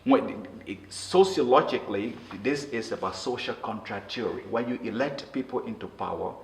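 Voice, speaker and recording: A man from Liberia, speaking earnestly in an interview and often halting and restarting his words. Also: medium pitch, expressive, gravelly. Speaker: interview guest. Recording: roomy echo with faint noise.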